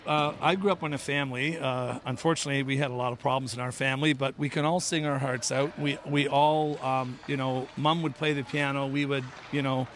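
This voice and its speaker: A man's voice: mid-range voice, steady tone, brisk, hardly any pauses, fairly bright tone, slight background noise. A middle-aged man from a first-generation Irish family, chatting casually as an interview guest in a rambling way, full of "you know" and restarts. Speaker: interview guest, player's father.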